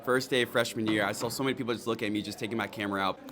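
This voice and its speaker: Fast-talking young man, low voice. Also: fairly even intonation, fairly bright tone, soft background music. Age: young adult. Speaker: student content creator. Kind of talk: casual interview.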